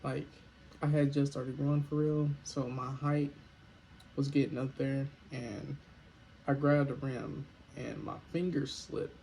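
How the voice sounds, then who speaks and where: A man's voice: mid-range voice, level tone, a little slow, gravelly, a little mellow, a little hiss or hum, poor audio. A young man casually telling a storytime vlog in a laid-back, slangy way with joking asides. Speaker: vlogger.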